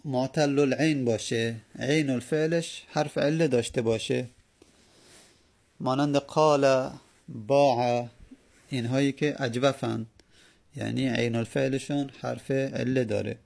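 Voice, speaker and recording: Gravelly man teaching Arabic grammar. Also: medium pitch, fairly even intonation, a little mellow. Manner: patient, repeats words, sounds out examples slowly. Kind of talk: explaining Arabic grammar in Persian.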